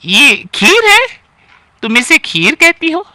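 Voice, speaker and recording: A nagging elderly aunt-in-law picks at everything with sighing complaints, as a man voices her. The tone is bright and piercing and sits fairly high. The sound is dry and close. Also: wildly swooping pitch, takes it slowly, dry recording, full character voice. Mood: scornful. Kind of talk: storybook character acting.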